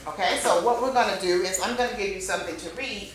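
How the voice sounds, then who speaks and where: A woman's voice: quick pace, slight background noise. A woman teaching a speech club class, speaking expressively with lots of emphasis and rising and falling tone. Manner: expressive, varies pitch and emphasis. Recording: very echoey room.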